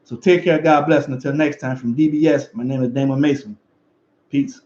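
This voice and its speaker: A middle-aged man from Louisiana with a Louisiana accent, a defensive back coach giving a fast, excited motivational talk to his channel viewers. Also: medium pitch. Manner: fast, excited, repetitive emphasis. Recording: echoey, dull lo-fi room sound.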